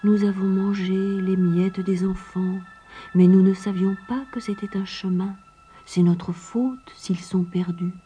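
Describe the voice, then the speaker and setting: A woman voicing remorseful little forest birds in a soft, sorrowful half-whisper. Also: mid-range voice, steady tone, unhurried, faint music behind, voice pushed up, lightly acted.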